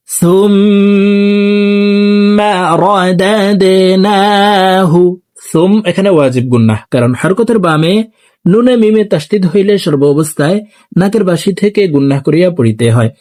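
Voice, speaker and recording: High-voiced man teaching Quran recitation. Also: big pitch swings, warm tone. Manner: explains rules quickly, then recites verses slowly and drawn out; has viewers repeat after him.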